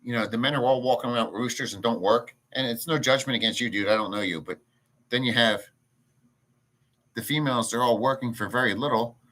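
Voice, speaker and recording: With a medium pitch and a fairly quick, pushed, bright delivery, a man rants crudely and bluntly on his casual livestream, wandering off topic and replying to chat. He's at home in a rural province, and the recording is low quality.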